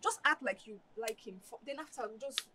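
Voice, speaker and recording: A woman's voice: a little high, animated, a little fast, a crowd in the background, natural voice. An actress with a Nigerian English accent playing a playful young woman who pleads with her friend for the sake of money, in a film drama. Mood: coaxing. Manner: coaxing, pleading, laughs loudly.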